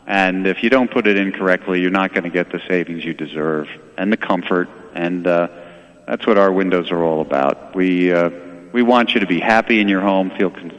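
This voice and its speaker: A man's voice: deep voice, moderate pace, big-room sound, dull audio. A man giving explanatory sales talk as an expert guest in a radio interview. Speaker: window and door company expert, guest.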